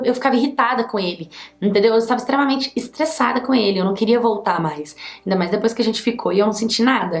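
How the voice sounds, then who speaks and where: A young woman with a Brazilian accent telling a personal story in a chatty, emphatic way. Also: medium pitch. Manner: chatty, emphatic, many fillers. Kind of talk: casual storytime. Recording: echoey room.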